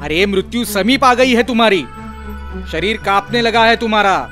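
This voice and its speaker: An actor playing a wise, mocking saint in a devotional film, stern and commanding. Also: male voice, high voice, moderate pace, sharp tone, faint music behind. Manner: stern, commanding and scolding, with a knowing laugh. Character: wise, mocking male saint with divine authority.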